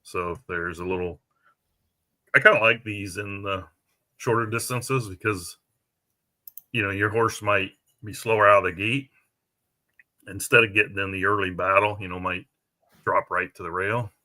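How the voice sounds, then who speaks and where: Bright-voiced man chatting through live coverage. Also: lowish voice, steady tone, moderate pace, pauses often. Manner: chatty, thinks aloud, trails off mid-sentence. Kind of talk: casual live commentary.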